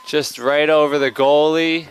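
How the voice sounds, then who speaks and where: A man's voice: fairly high pitch, flat delivery, measured pace, clear, resonant tone. A man giving conversational color commentary on a live soccer match.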